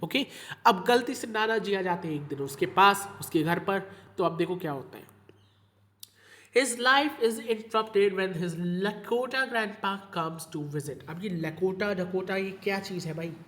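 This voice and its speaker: A man's voice: sits high, takes it slowly, a bit bright. A man teaching an online class, mixing Hindi and English, repeating points and checking in with students often. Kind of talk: online class explaining a story.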